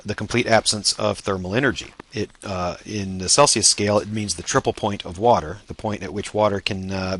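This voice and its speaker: Guy doing a stats lecture, lowish voice, lots of uhs, close mic. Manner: many "uh" fillers, relaxed explaining. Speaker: statistics lecturer.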